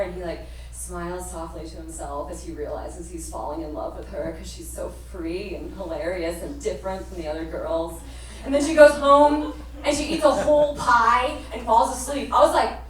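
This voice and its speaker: A woman's voice: medium pitch, slight background noise. A woman telling a comic personal story live, in a rambling way full of "like.". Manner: rambling, heavy use of "like". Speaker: stage storyteller. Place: performance stage. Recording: echoey room, far from mic.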